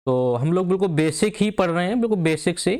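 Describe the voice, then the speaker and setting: A man teaching an online exam-prep lesson, explaining step by step and repeating example words slowly. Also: high voice, animated, a little mellow. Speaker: Hindi teacher.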